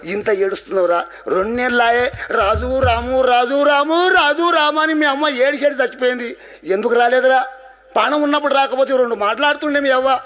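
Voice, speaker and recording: Preacher putting on an old father with a Telangana accent, reproachful and high-pitched. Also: fairly quick, fairly bright tone. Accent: Telangana Telugu. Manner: reproachful, raised voice. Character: old village father, scolding and grieved. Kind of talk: devotional storytelling.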